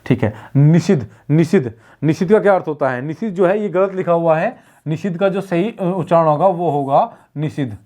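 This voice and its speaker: A man's voice: a little high, brisk, mellow. A man teaching an online exam-prep Hindi class, who keeps asking questions and repeating the answers so students can follow.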